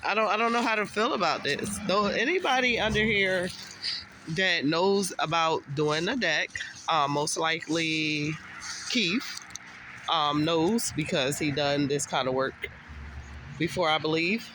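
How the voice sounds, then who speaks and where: A woman's voice: low voice, measured pace, noisy background. A woman with a congested voice, talking casually to camera in a rambling, exasperated family vlog, outdoors. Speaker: family vlogger.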